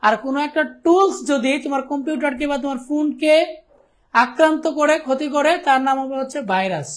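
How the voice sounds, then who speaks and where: Young Bangladeshi man, online class teacher, rapid and conversational, playful with students. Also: extremely high pitch. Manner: chatty, teasing students, keeps asking "okay?". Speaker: ICT teacher. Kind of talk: live online class lecture.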